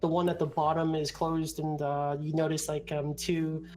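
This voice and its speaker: A man improvising descriptive narration as game master of a tabletop game, halting and conversational. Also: on the high side, little pitch movement, darkish tone. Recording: background noise.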